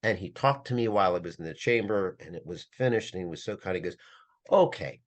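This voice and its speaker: A man's voice: low-pitched, lively intonation, fast. A man as a podcast guest, telling a personal story in an earnest, emphatic way with frequent restarts.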